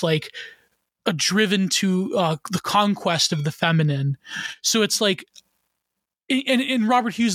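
A man's voice: sits high, fairly bright tone, dry recording. A man talking as a guest on a casual podcast, rambling with many fillers and restarts.

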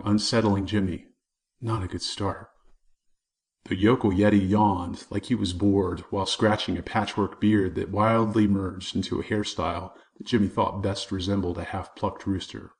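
A man narrating a children's chapter book in a vivid storytelling manner. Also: lowish voice. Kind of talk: audiobook narration.

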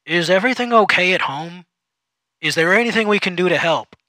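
Man putting on a loud, chummy office boss. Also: on the high side, brisk, dry recording. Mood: overbearing. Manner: loud, overexcited, patronizing. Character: overly chummy male office supervisor, pushy.

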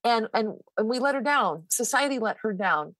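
Female author guest for an interview: high-pitched, earnest and emphatic, repeats herself for emphasis. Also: lively intonation, moderate pace, a bit bright, dry recording, low-quality recording. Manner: emphatic, repeats words when stressing a point. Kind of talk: conversational interview.

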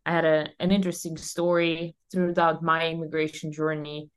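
A woman's voice: deep voice, little pitch movement, normal speed, clear, resonant tone. A young woman from Russia, a podcast guest, talking energetically and emphatically with frequent fillers in a conversational interview. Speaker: podcast guest, company founder.

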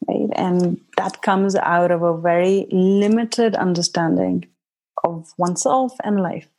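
With a lowish, darkish voice, this Indian woman speaks as a podcast guest about her work as a healing facilitator. She's relaxed and reflective, never rushing, sprinkling in plenty of "like" and laughing readily.

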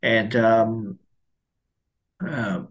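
A man's voice: fairly low pitch, fairly even intonation, drawn-out words. A man in his thirties from Malaysia, a priest, telling his life story in an interview with many fillers and restarts.

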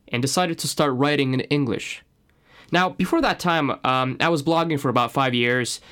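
Man, Russian accent, podcast host, earnest, reflective, mid-pitched voice. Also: a bit bright. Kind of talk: solo podcast introduction.

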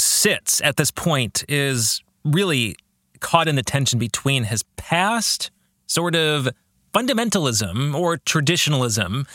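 A podcast host with a fairly high, pushed, bright voice discusses a book, speaking earnestly and reflectively to his listeners and often posing rhetorical questions. The sound is clean studio audio with no echo.

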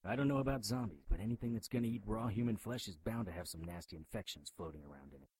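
A man's voice: on the low side, fast talker, a little mellow, natural voice, rough recording. A man playing a blunt, sardonic, urgent leader of frightened survivors in an audio drama.

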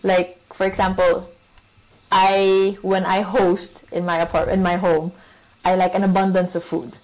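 A woman's voice: medium pitch, little pitch movement, a little slow, slight background noise, rough recording. A woman from the Philippines, talking in casual conversation with some Tagalog words mixed in. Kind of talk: casual chat.

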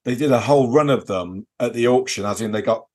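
In a brisk, mid-range voice, a male podcast co-host chats casually and off the record about going to a convention. He recounts it hesitantly and at rambling length, relying on filler like "you know" and "kind of."

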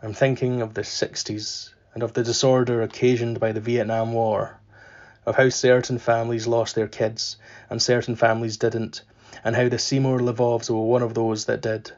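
A man reads literary fiction aloud in a level, flat voice that barely rises or falls. He takes his time, pausing deliberately between phrases. The sound is slightly dull and lo-fi, like a simple home podcast setup. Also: mid-range voice. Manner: measured, unhurried reading with deliberate pauses. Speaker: podcast host reading a novel aloud. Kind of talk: literary reading with spoken afterword.

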